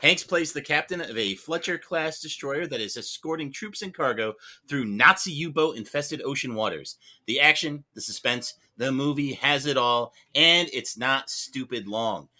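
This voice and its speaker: A man co-hosting a podcast in casual chat, an animated storyteller who chuckles as he talks. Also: medium pitch, normal speed, hardly any pauses. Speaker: podcast co-host.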